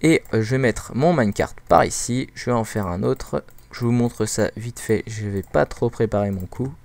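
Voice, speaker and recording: A man chats his way through a game walkthrough as host, in an informal, hesitant manner full of fillers. His voice is smooth and clear at an average pitch. The sound is dry and close, with no room around it. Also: dry recording. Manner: chatty and informal. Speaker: gaming video host. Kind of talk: casual game walkthrough commentary.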